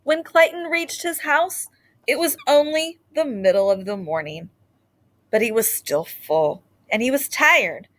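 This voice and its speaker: A woman reads a children's picture book aloud with expressive, storytelling flair. Her voice is high and her pace a little slow.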